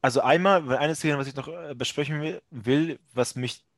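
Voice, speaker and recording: A man's voice: fairly high pitch, moderate pace, dry recording, studio quality. A man hosting a football podcast, casually talking through a match and thinking aloud as he goes. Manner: analytical, thinks aloud with restarts.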